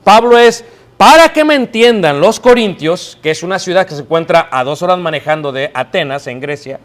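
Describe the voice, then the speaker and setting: A man preaching to a live congregation in a church, his pitched notably high. He tells stories with energy and keeps tossing questions out to the listeners so they answer back. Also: moderate pace. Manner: lively storytelling, calls out questions to the congregation. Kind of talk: sermon.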